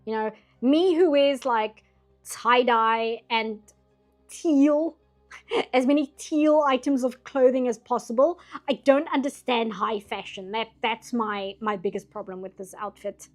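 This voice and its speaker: A British woman chats casually as she draws on stream, rambling and laughing a lot. Her fairly high voice moves at a measured pace and grows a little hoarse as the night wears on, with faint music in the background.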